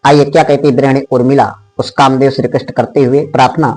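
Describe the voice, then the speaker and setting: A male Hindi teacher explaining a poem line by line for an exam, asking his students questions and chanting the verses slowly in a sing-song. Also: mid-range voice, flat delivery, darkish tone, slightly rough, rough recording. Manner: explains line by line, asks students questions, says "ठीक" often. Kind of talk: exam-prep poetry lesson.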